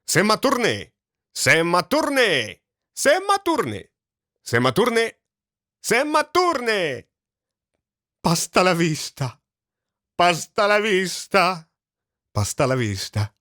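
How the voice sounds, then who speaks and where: A jolly Italian-accented character. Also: male voice, high-pitched, wildly swooping pitch, slow pace, pauses often, bright, forceful tone, dry recording, studio quality, voice pushed up, heavily acted. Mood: exuberant. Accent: put-on Italian. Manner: exuberant, sing-song exclamations. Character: Italian man with a thick comic accent.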